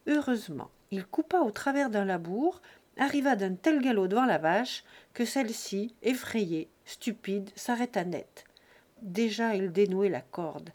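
A woman narrating a classic novel as an audiobook, in measured, expressive phrasing with short breath groups. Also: mid-range voice. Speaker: audiobook reader.

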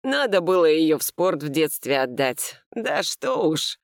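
A woman reading a gruff, booming older man. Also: sing-song, measured pace, no echo, clean studio sound, heavily acted. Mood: scornful. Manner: booming, scolding. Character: gruff blunt older man, loud and scornful.

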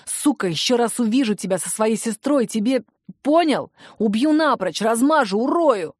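A woman voicing an angry, hot-headed young man who shouts at his sister's boyfriend. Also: a little high, a little slow, no room sound, clean studio sound, lightly acted. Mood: furious. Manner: shouting, aggressive.

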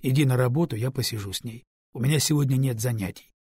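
A husky-voiced man voicing a calm, easygoing young husband, reassuring his wife, in an audiobook. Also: mid-range voice, fast, no room sound, studio quality, lightly acted.

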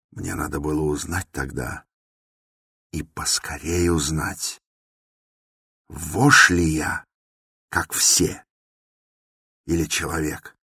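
A man's voice: extremely low pitch, a bit bright, slightly rough, no echo, clean studio sound, full character voice. A man voicing a tormented young man who speaks in an intense, brooding, confessional way, within a dramatic novel reading.

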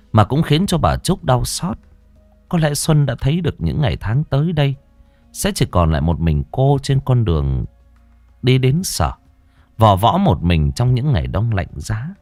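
A man's voice: lowish voice, darkish tone, no room sound. A man reading a ghost story aloud in a dramatic, mournful storytelling manner, close to the mic. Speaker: narrator. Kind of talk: scripted ghost-story narration.

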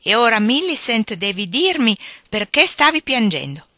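Brute lord, drunk and bellowing, loud and harsh, read by a woman. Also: on the high side, very animated, moderate pace, no room sound, studio quality. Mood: shouting. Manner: loud, shouting, coarse. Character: brutish drunken bellowing young nobleman.

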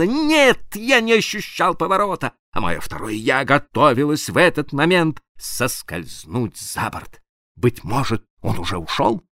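A man reading a literary audiobook aloud in a dramatic, expressive way, sometimes dropping to a hush. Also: fairly high pitch, no room sound, studio quality. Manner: expressive, dramatic reading with sudden hushed drops. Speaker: audiobook narrator.

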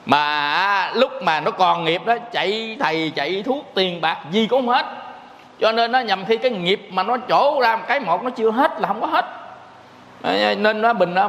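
A man's voice: sits high, fairly bright tone, echoey room, long reverb tail. A man, a Buddhist monk, giving a folksy, joking dharma talk to his listeners.

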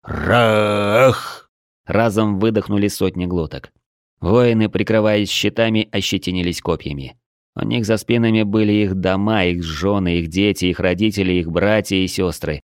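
A man narrating a first-person fantasy audiobook in a steady, measured way. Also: sits low, smooth, dry recording, clean studio sound.

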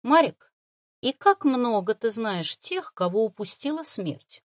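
Woman voicing Ekaterina, a calm young woman. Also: fairly high pitch, a little slow, no room sound, studio quality. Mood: gentle. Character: patient young woman, gentle and secretive.

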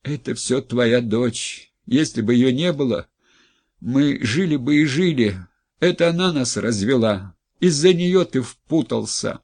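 A man doing a shrill, frantic wife. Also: lively intonation, a little slow, darkish tone. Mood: bitter. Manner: screaming, frantic outbursts. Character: distraught middle-aged wife, shrill and furious.

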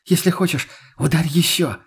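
A man voicing a desperate young woman who begs and pleads in a raised, husky voice. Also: fairly high pitch, normal speed, pitched above the performer's own voice, full character voice. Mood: pleading. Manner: begging, whiny, breathless pleading.

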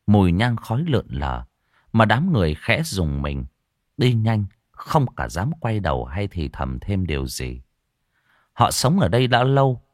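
A man narrating a ghost story in a dramatic, expressive way. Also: lowish voice, no room sound, studio quality.

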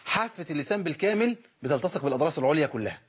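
Fast-talking Egyptian man teaching recitation. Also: a little high, expressive, husky. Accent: Egyptian Arabic. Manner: explains with rhetorical questions and demonstrates letter sounds. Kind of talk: spoken recitation lesson. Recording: dull lo-fi recording.

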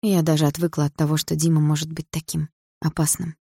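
A woman's voice: sits low, little pitch movement, a little fast, dark tone, husky, no room sound, studio quality. Woman narrating a first-person audiobook.

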